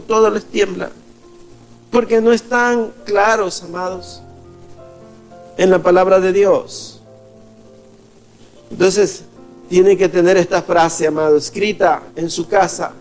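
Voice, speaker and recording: A man preaches a sermon in a very high voice, drawing out his words slowly. He addresses the congregation as beloved and voices the figures in his stories. Soft music plays faintly beneath him. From Ecuador. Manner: preaching, calls the congregation "amados", acts out quoted voices. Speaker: pastor.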